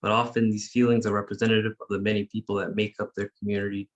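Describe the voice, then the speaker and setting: Brief: male meeting host on a video call, very low voice, steady and formal. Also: lo-fi sound. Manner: measured, formal, reads prepared remarks. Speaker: youth council facilitator. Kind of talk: leading an online meeting.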